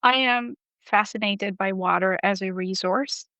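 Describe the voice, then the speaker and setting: A woman's voice: mid-range voice, a little slow, pushed and bright, dry recording, poor audio. A young woman from Bangladesh, a guest in an interview, speaking thoughtfully with frequent ums and uhs. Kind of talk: casual interview.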